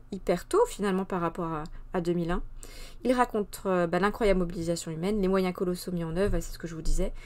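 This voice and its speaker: A woman hosting a live-streamed culture segment, chatting through a book review with many fillers, restarts and frank opinions. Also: medium pitch. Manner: hesitant, many fillers and self-corrections.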